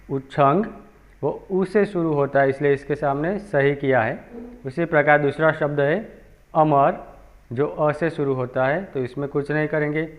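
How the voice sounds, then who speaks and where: A male teacher patiently leading a children's lesson, repeating each sound aloud for the class. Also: on the high side. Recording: tinny phone-like audio.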